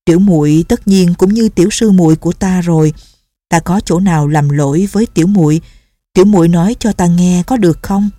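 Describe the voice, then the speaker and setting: A woman voicing a sly, teasing young male swordsman who speaks gently and with mock remorse. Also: on the low side, brisk, dry recording, lightly acted. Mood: gentle.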